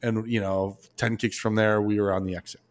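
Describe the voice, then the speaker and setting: A man, a podcast guest, telling a story in a casual, animated way, full of restarts and asides. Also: on the low side, brisk.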